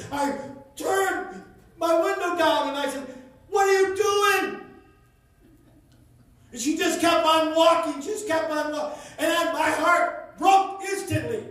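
A man preaching a sermon, telling a story with rising passion until he shouts. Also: very high-pitched. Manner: impassioned, builds to shouting. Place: church sanctuary. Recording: echoey church from far off.

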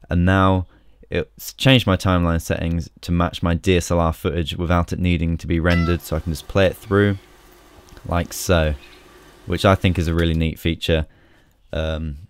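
Deep-voiced man giving a casual tutorial. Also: clear, resonant tone, no room sound, clean studio sound. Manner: relaxed, chatty, with frequent ums. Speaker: software tutorial host. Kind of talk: casual screen-recorded tutorial.

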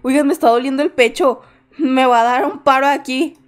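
Young woman streamer, very high voice, scared and chatty horror gameplay commentary. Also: steady tone, brisk. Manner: jittery, scared exclamations and chatty asides. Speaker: gaming streamer.

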